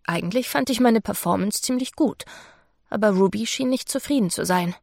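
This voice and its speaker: A woman narrating a novel in the first person, in a measured, intimate reading. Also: medium pitch, gravelly, a little mellow, no room sound, clean studio sound. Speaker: audiobook narrator.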